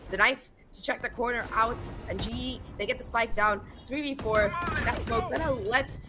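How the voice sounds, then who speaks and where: A woman casts a live esports match in a fairly high voice. Her play-by-play is dramatic and vivid, with loud game sound and clicks behind her. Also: moderate pace, noisy background. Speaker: esports caster.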